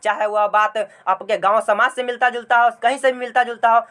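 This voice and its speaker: A man's voice: extremely high pitch, fairly even intonation, brisk, pushed and bright. A male teacher explaining a school lesson, mixing English words into his speech and often telling students to look closely. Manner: mixes English words into Hindi.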